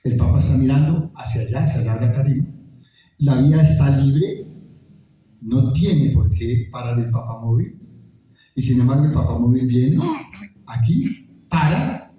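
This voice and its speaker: A man's voice: mid-range voice, lively intonation, moderate pace, pauses often, mellow. A Colombian man giving an emotional testimony at a conference, acting out the voices of the people in his story. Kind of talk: testimony talk. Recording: very echoey hall, from a distance.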